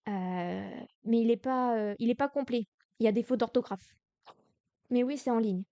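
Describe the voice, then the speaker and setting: A woman's voice: on the high side, moderate pace, dark tone, no room sound, lo-fi sound. A young French woman teaching Korean grammar on a live stream, explaining patiently with many hesitations and restarts, sounding tired. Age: young adult.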